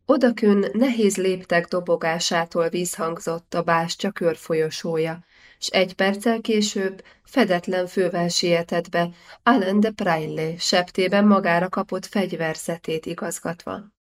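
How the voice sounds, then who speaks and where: A woman with a somewhat low voice narrates a historical novel for an audiobook. Her scripted reading is measured and steady.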